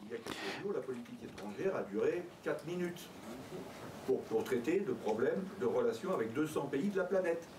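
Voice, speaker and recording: A man's voice: medium pitch, animated, fairly quick. Distant man in a roomy hall. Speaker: audience member. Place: lecture hall. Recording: distant, roomy, crowd noise.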